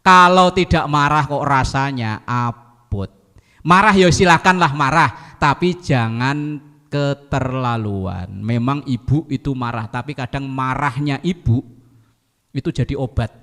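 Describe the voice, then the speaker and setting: A man's voice: mid-range voice, measured pace, in a large hall. A man giving a sermon to a congregation, telling jokey stories and acting out quotes. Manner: lively, jokey storytelling with acted quotes. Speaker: preacher.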